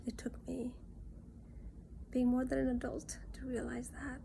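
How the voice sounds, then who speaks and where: A woman from Nepal, talking in an earnest, reassuring monologue that often drops into soft near-whispers. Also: high-pitched, monotone, a little slow, vocal fry, slight background noise. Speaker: self-reflection vlogger. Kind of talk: casual reflective monologue.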